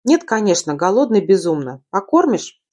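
A woman's voice: medium pitch, very animated, normal speed. A woman reading a loving young husband. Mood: playful. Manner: tender, gentle. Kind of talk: audiobook reading of a romance novel.

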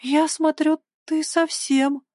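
A woman voicing a cheeky, bossy young girl with a teasing, sharp-tongued manner in a storybook reading. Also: high voice, animated, normal speed, no echo, studio quality, pitched above the performer's own voice. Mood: mocking.

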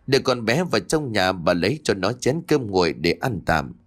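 A man narrating a ghost story in a lively storytelling manner, switching voices for the quarrelling characters. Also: lowish voice, normal speed. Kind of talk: storytelling narration with acted dialogue.

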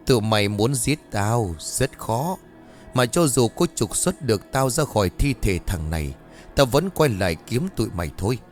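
A male narrator puts on a possessed young man hosting a century-old female demon, sneering and cruel. The voice swoops up and down with taunting inflection, and soft music plays faintly behind. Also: mid-range voice, animated, normal speed, lightly acted. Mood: menacing. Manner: snarling, mocking, cruel.

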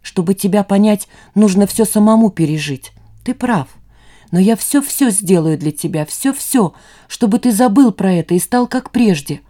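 A woman reading an audiobook, voicing a gentle, worn-out mother who pleads softly with her son. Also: mid-range voice, expressive, moderate pace, lightly acted. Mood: pleading. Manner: soft, pleading.

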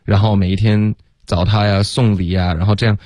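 A man with a fairly low voice teaches pronunciation on a radio lesson. He explains patiently and stretches words out slowly to demonstrate them. The sound is close and dry, with no room behind it. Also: level tone, no echo, lo-fi sound. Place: radio studio.

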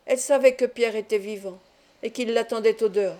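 A woman narrates a classic adventure novel as an audiobook, her high-ish voice brisk, steady and dark in tone. She reads from a script and raises her voice for the quarrels in the dialogue.

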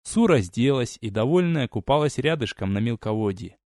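A man narrating an audiobook in a steady, expressive reading. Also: mid-range voice, normal speed, no room sound, studio quality. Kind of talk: scripted narration.

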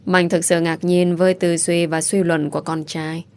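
A woman giving scripted narration of a romance story in a calm, even way. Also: fairly low pitch, moderate pace. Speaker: audiobook narrator.

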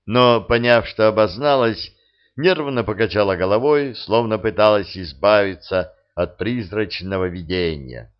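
A man narrates an audiobook in a measured, dramatic way. His delivery is slow and fairly low, and the recording sounds dull and lo-fi. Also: smooth.

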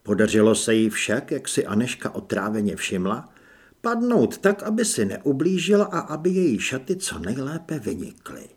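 A man narrating an audiobook in an expressive storytelling manner, with a husky voice. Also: mid-range voice. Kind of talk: scripted narration.

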